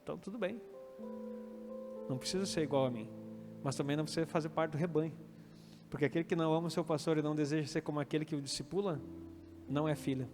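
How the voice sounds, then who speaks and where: A man's voice: fairly high pitch, quick pace, long pauses. A man with a Brazilian Portuguese accent preaching a sermon as pastor, acting out quoted lines and calling for amens. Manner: preaching with quoted dialogue and calls of amen. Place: church hall. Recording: reverberant hall with faint music.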